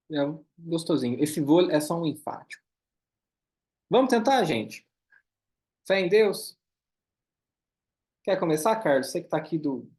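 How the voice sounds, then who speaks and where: A man teaching a German class, reading lines slowly and then explaining them quickly. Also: a little high, a little mellow. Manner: switches between slow careful German and quick explanations. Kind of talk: online class, reading dialogue and translating.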